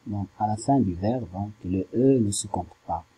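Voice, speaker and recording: Un homme, professeur de littérature, qui explique un poème lentement et en hésitant, en découpant les syllabes. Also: male voice, fairly low pitch, dark tone, breathy edge, rough recording. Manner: slow, hesitant, spells out syllables. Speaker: French literature teacher. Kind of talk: slow classroom explanation.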